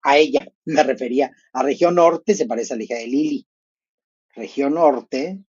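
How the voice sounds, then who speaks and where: A man chats through a live reaction stream, his voice a little husky and breathy. He sounds gossipy and playful, musing aloud and jumping up into bursts of excitement. The audio is slightly dull and lo-fi. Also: brisk. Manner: gossipy, playful, thinking aloud with sudden high exclamations.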